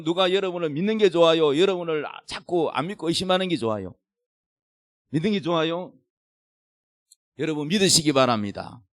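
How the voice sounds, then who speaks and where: A man's voice: on the high side, dry recording, studio quality. A middle-aged man preaching an emphatic sermon as a pastor, questioning the congregation directly. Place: church.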